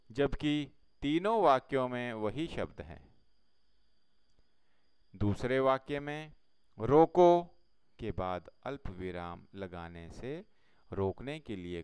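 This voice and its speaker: A man teaching a Hindi grammar lesson, explaining slowly step by step with pauses. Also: medium pitch, clear, resonant tone, dry recording.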